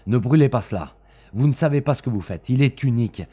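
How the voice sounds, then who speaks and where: A man's voice: mid-range voice, fast talker, warm tone, slightly rough, voice pushed up, lightly acted. A man voicing a scheming, frightened man who pleads and protests in an agitated, raised voice, in a storybook reading. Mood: pleading.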